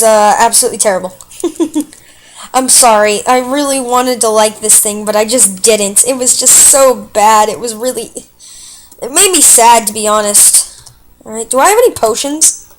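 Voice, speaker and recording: A chatty woman talks through a let's play in a fairly high voice, explaining her choices as she goes. Her delivery is casual and excitable, full of fillers, and she reacts out loud to every twist in the game. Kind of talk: casual gameplay commentary.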